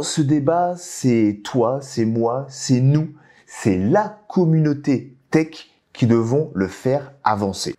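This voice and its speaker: A man's voice: on the low side, warm tone. A man hosting a video, talking casually and animatedly to viewers, with frequent restarts and direct questions to the audience. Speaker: YouTube host talking about AI coding. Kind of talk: casual talk to camera.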